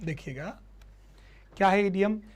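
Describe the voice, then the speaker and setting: Brief: man, lively online tutor, repeats and quizzes, rather high voice. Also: a little slow. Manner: energetic, repeats and quizzes students. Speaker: English teacher. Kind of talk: live online class.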